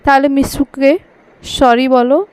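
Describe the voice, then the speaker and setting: A woman voicing a father on a phone call who corrects his son firmly and then coaxes him gently. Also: sits high, fairly even intonation, slow, no echo. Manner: firm, then coaxing.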